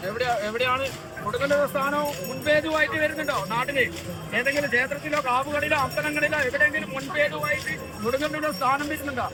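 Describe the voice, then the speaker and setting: A man's voice: very high-pitched, steady tone, fast, music in the background. A man with a Kerala accent speaking as a possessed oracle, exhorting and blessing devotees in repeated set phrases.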